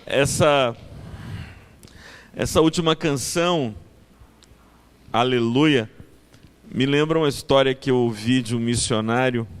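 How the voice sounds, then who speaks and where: Slow, reflective Brazilian pastor preaching. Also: male voice, medium pitch, clean tone. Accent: Brazilian Portuguese. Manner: reflective storyteller, loud bursts on acted exclamations. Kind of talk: sermon. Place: small church, preaching seated on a stool.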